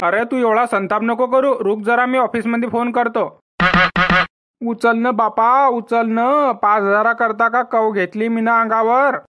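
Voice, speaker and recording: A man's voice: very high-pitched, fairly even intonation, measured pace, very noisy. A man, voicing the brash, blustering characters of a village cartoon comedy.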